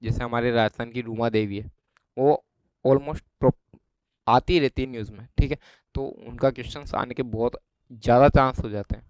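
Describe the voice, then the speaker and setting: A man's voice: medium pitch, moderate pace, darkish tone, no room sound. A man with a Rajasthani Hindi accent explaining an exam syllabus in a chatty lesson, often checking that his students follow. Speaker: exam prep teacher.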